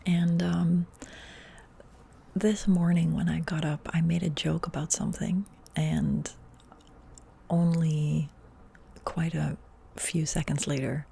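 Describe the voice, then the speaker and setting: Low gravelly whispering woman. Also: steady tone, slow pace, long pauses. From Netherlands. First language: Dutch. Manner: soft whisper, rambling and chatty with many fillers. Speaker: ASMR YouTuber. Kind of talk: whispered role-play.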